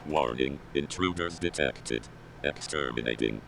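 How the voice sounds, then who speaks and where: A stern security robot barks clipped commands through a robotic filter. The voice sits at the very bottom of the range, gravelly and grinding. A faint hiss of noise runs underneath. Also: male voice, rumbling low, measured pace, heavily acted. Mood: threatening. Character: stern male security robot guarding a facility. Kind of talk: video game voice acting.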